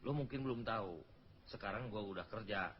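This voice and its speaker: A man's voice: fairly low pitch, a little fast, muffled recording, a little hiss or hum. A Sundanese man performing a comedy sketch, scolding his partner with exasperation and laughter.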